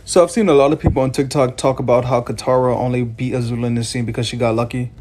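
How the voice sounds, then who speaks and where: A man's voice: medium pitch, steady tone, fast, a little mellow, a little hiss or hum. A man giving casual commentary, explaining a fight scene step by step.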